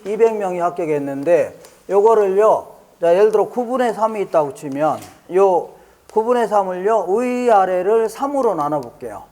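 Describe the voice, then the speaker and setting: A man with a notably high voice lectures a classroom of exam students. He says each key phrase twice and keeps checking that the class is following. Now and then he trades light jokes with the students. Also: expressive, moderate pace, warm tone.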